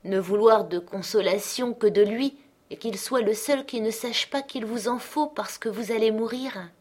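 Expressive woman reading an audiobook. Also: fairly high pitch. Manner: expressive, dramatic, slowing on key phrases. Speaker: audiobook reader. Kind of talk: audiobook narration of a classic novel.

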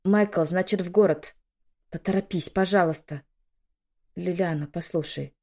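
A woman's voice: fairly low pitch, a little slow, a little mellow. A woman voicing an older noblewoman who urgently gives orders and soothes a young woman in labor. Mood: urgent, soothing. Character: older noblewoman, caring and commanding.

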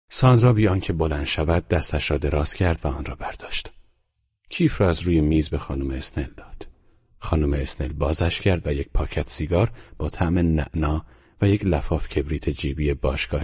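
Man, audiobook narrator, deep, raspy, muffled recording. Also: darkish tone, no room sound. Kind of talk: scripted narration.

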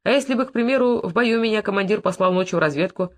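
A narrator reading a rural story aloud in an expressive audiobook style. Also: mid-range voice, fast talker. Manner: expressive storytelling with animated intonation.

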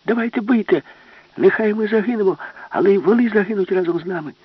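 A man voicing a brave, determined young girl who shouts high and urgently. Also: sing-song, fast, slightly rough, no room sound, full character voice. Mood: defiant shouting. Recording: dull, lo-fi, dry.

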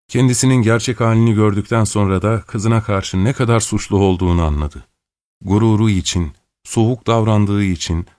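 A man reading a classic novel aloud, calm and measured. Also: no echo, studio quality. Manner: calm, measured reading; raises pitch for female characters' quoted lines. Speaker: audiobook narrator. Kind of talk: scripted literary narration.

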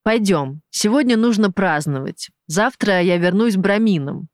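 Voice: medium pitch, lively intonation, unhurried, dry recording, clean studio sound. A reader doing a sneering, cruel gang boss. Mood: mocking. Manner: sneering, taunting, falsely genial. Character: cruel mocking male gang boss, middle-aged. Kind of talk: audiobook character voice.

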